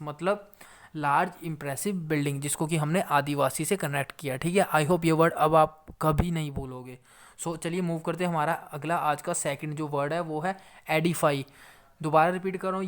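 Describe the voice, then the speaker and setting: A man's voice: fairly high pitch, smooth. A man teaching exam vocabulary in a mix of Hindi and English, explaining patiently and repeating key points. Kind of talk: Hinglish exam-prep vocabulary lesson.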